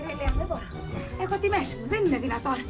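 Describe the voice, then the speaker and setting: A woman's voice: high voice, lively intonation. An actress playing a harried sitcom mother, coaxing and exasperated. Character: harried middle-aged sitcom mother, fussing. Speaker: mother of the household. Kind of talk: sitcom acting. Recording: loud music under dialogue.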